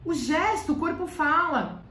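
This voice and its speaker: A high-pitched woman with a Brazilian Portuguese accent talks to parents like a teacher giving a lesson. She repeats phrases for emphasis. Her voice reaches the mic from a distance in a room with a lot of echo. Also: expressive, a little slow, fairly bright tone. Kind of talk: educational talk to parents.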